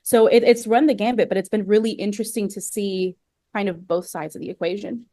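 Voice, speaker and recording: A woman's voice: mid-range voice, steady tone, fairly quick, dark tone, no echo, studio quality. A young adult woman from Venezuela, a historian talking casually in an interview, with many fillers and restarts. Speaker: guest historian.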